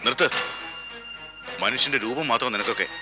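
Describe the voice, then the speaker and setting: A man's voice: mid-range voice, brisk, over music, lightly acted. A man playing a stern, defiant captive. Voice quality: stern, reproachful. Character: defiant male captive scolding his captor. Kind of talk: TV serial acting.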